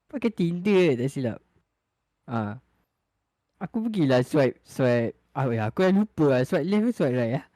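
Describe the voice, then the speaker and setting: A man's voice: medium pitch, big pitch swings, normal speed, dark tone, dry recording, clean studio sound. A young man with a Malaysian accent telling personal anecdotes in casual chat, mixing colloquial Malay with Singlish-like English and slangy particles. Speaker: podcast panelist.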